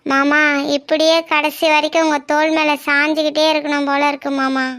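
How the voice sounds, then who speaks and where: A woman plays a shy young cartoon heroine in love, whose very high, bright voice comes out soft and timid. She pleads gently and never raises her voice in anger. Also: little pitch movement, a little fast. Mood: tender. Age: young adult. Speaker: cartoon character. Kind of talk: Tamil cartoon voice acting.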